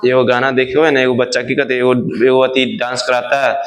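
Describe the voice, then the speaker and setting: A man's voice: mid-range voice, little pitch movement, a little fast, crowd noise, low-quality recording. A male math teacher lecturing a class, asking the pupils questions again and again. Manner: quizzing the class with repeated questions.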